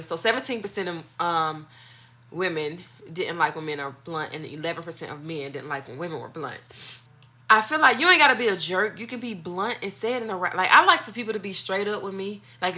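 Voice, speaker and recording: Bright, forceful woman chatting casually. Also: on the low side. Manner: candid, opinionated, informal slangy speech. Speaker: mukbang video host. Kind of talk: casual chat to viewers.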